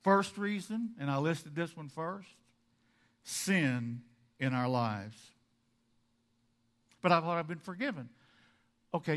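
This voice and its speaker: A man preaching a sermon to his congregation, animated, acting out their objections and dropping from loud emphasis to quiet asides. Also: a little high. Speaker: pastor.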